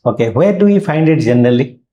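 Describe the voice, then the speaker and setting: Indian guy on interview panel asking formal questions, mellow voice, echoey room. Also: mid-range voice, lively intonation, fast talker, slight background noise.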